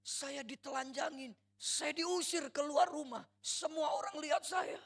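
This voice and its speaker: A man's voice: a little high, unhurried, gravelly, husky, pitched above the performer's own voice, exaggerated voice. A man acting out the voice of a hurt, furious young woman who pours out her anger. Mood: anguished, shouting. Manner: pleading and bursting out in anger.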